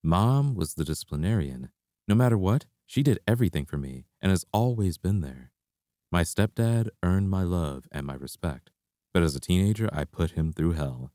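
Deep, mellow man reading a memoir. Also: normal speed, no room sound, clean studio sound. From Canada. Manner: reflective, steady storytelling. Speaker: martial arts instructor. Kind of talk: reading a personal memoir aloud.

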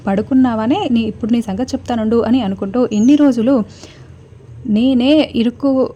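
A woman's voice: a little high, moderate pace, warm tone, a little hiss or hum, natural voice. Woman reading a spiteful young schemer. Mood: scheming. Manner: muttering to herself.

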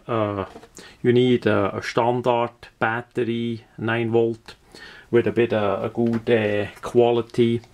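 A man's voice: mid-range voice, darkish tone. A man from Switzerland with a Swiss accent gives an unscripted product demonstration, searching for words and often repeating them. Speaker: product reviewer.

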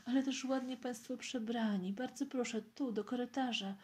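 A woman's voice: on the high side, fairly even intonation, a little mellow, pitched above the performer's own voice, natural voice. A woman reading aloud, voicing a pale, tired mother who fusses over her visitors. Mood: eager. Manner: hurried, fussing welcome. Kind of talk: audiobook reading of a novel.

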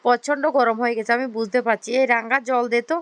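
A woman's voice: on the high side, fairly even intonation, fast, clean tone, no room sound, natural voice. A woman voicing a commanding middle-aged mother-in-law who scolds the household. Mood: scolding. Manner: sharp, commanding, reproachful.

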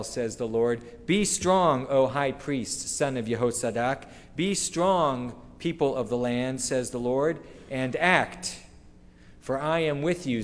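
Earnest rabbi preaching in a reverberant hall. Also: male voice, medium pitch. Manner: measured, earnest preaching with slow emphatic phrases. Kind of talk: sermon. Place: synagogue sanctuary, standing at a wooden lectern. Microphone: lectern microphone. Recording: long reverb of a large hall.

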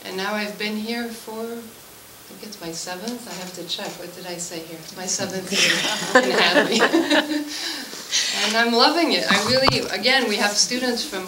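The recording comes from a school room during an indoor committee meeting, with echo, a distant mic, background noise, and crowd noise. A native French-speaking Swiss woman in her forties informally introduces herself there as a language teacher, her medium-pitched voice unhurried.

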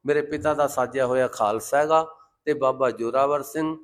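A man preaching a Sikh sermon with passion, slowing down to intone lines of scripture. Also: medium pitch. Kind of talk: Gurbani sermon with sung scripture quotes.

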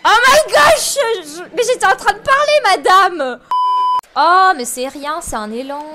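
A woman streaming horror games live, excitable and swearing, often breaking into screams. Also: very high voice, a little slow. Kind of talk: live gaming stream commentary.

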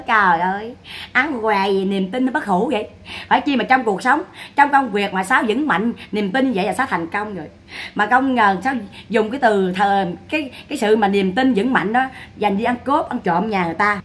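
A woman's voice: mid-range voice, fairly quick, fairly bright tone. A woman giving mocking, scolding gossip commentary. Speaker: online commentator.

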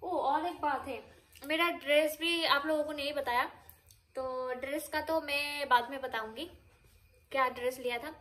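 A woman's voice: high voice, fairly even intonation, a little slow, a bit bright. A woman vlogging at home in a casual, rambling way, chatting straight to her viewers. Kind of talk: casual vlog chat. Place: home, indoors.

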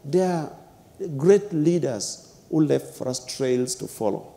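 A man's voice: mid-range voice, lively intonation, slow, creaky, mellow. A young man on a panel in a lecture hall, speaking with emphatic, repetitive rhetorical phrasing into a lapel mic. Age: young adult. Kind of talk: impassioned panel speech.

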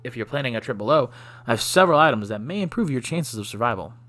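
A man voicing a shifty male bug shopkeeper in a video game, with a put-on Russian accent and smooth sales patter. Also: mid-range voice, lively intonation, fast, a bit bright, natural voice. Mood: welcoming.

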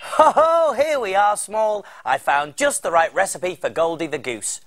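A man's voice: high-pitched, lively intonation, unhurried, fairly bright tone. An actor in his thirties playing a friendly, enthusiastic big cook in an exaggerated children's TV presenting style. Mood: playful. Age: 30s. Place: TV studio kitchen set.

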